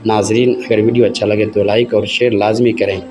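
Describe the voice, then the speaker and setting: A man narrating a moral story in a plain, steady reading voice. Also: lowish voice, brisk. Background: soft music.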